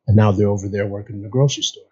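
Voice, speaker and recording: A man's voice: on the low side, very fast, mellow, slightly rough, dull audio. A man born in Nigeria and raised in upstate New York, a guest explaining his experiences earnestly in a casual interview.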